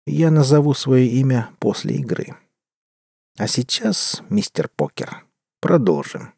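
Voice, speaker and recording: A man's voice: mid-range voice, big pitch swings, measured pace, gravelly, a little mellow, breathy edge, no echo, clean studio sound, full character voice. A man doing a cold, mysterious lady gambler. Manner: cool, detached. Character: cold mysterious young lady card player.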